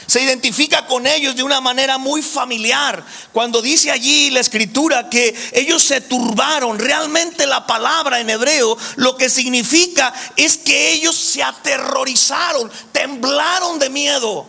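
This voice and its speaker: A man leads a Bible study in a strikingly high voice with a gravelly edge. His tone is bright and forceful as he speaks emphatically and calls on the listeners directly. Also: a little slow, few pauses, soft background music. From Mexico.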